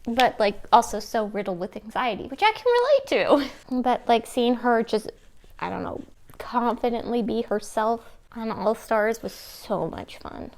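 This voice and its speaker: A woman's voice: a little high, fairly even intonation, measured pace, creaky, darkish tone. A woman chatting casually through a makeup tutorial in a rambling, informal, self-deprecating way. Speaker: makeup vlogger. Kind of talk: casual chat while doing a makeup tutorial.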